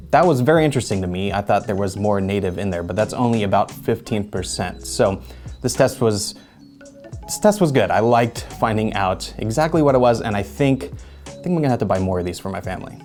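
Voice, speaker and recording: A man, a video director, talking calmly and thoughtfully to camera. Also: on the low side, moderate pace, soft background music. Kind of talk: casual talk to camera.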